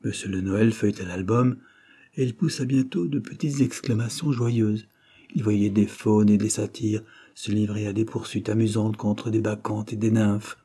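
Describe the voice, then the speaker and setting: A man reading a novel aloud in scripted narration, measured and even. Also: on the low side, breathy edge. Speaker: audiobook reader.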